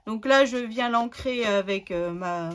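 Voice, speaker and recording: A woman's voice: a little high, a little slow, background noise. A woman hosting a scrapbooking tutorial, chatting casually and thinking aloud as she works, with many fillers.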